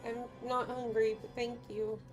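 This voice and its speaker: A woman's voice: on the high side, little pitch movement, measured pace, music in the background, low-quality recording. A woman chatting casually as a player in a tabletop role-playing game, with wry, joking delivery. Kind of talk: casual chat during tabletop role-play.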